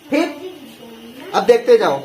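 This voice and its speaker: A man's voice: extremely high pitch, very animated, slow, mellow. A man teaching a class, quizzing his students with the same question over and over. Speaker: English teacher. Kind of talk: classroom lesson with call-and-response. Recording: echoey room with faint noise.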